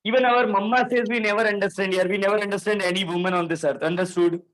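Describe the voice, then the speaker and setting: A man's voice: sits high, steady tone, quick pace, fairly bright tone, rough recording. Male teacher, storytelling classroom lecture. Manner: storytelling, coaxing, checks understanding often.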